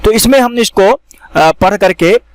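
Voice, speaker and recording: A man teaching how to read the Quran, explaining each word and then reciting it slowly with drawn-out vowels. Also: sits high, animated, no room sound. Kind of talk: step-by-step recitation lesson.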